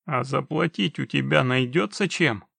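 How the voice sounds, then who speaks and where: A man voicing a cold, mercenary witcher who speaks with chilling, mocking calm. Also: fairly high pitch, a little slow, vocal fry, no room sound, full character voice. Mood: coldly mocking. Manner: icily calm, dry, mocking. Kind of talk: audiobook reading.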